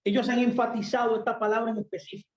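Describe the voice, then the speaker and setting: A man with a rather high voice preaches a sermon that rings through an echoey room. He's emphatic and rapid-fire yet flat in delivery, often posing questions to himself and answering them.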